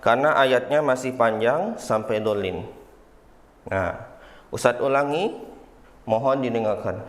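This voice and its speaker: A man's voice: mid-range voice, unhurried. A man teaching Quran recitation to schoolchildren, patiently explaining each step and calling himself Ustadz. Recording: roomy echo.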